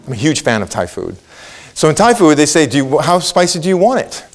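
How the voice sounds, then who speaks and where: A man's voice: fairly high pitch, very animated, a little fast. A middle-aged man from Israel whose first language is Hebrew, giving a motivational keynote, asking the audience questions and acting out quotes. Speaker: keynote speaker.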